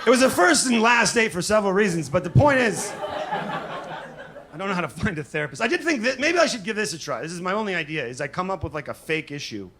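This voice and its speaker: A man's voice: high voice, sing-song, fairly quick, a bit bright, a little hiss or hum. A man doing a self-deprecating, hesitant, conversational stand-up set, with crowd laughter behind him at a live show. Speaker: stand-up comedian. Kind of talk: stand-up comedy set before a live audience. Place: live comedy venue on stage.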